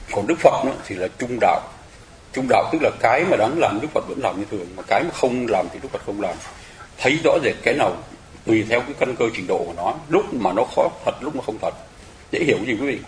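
A man delivers a Buddhist teaching at a quick clip. His voice sits at an ordinary middle pitch. He explains patiently with homely examples and keeps asking whether his listeners follow. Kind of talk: dharma talk. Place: temple hall.

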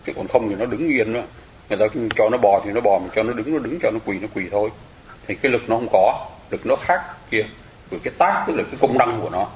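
Fast-talking man teaching. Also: on the low side, slight background noise. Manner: explains patiently with everyday examples, often checks listeners follow. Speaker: Buddhist teacher. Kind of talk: dharma talk. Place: temple hall.

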